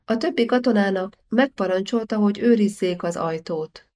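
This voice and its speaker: A woman reading a historical novel aloud as an audiobook narrator, measured and steady. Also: mid-range voice. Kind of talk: scripted narration.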